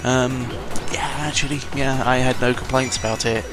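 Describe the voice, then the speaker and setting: A British gaming vlogger rambles through casual game commentary, swearing, wandering off topic and correcting himself as he goes. His mid-range voice holds a steady tone at a moderate pace. Music plays under the voice.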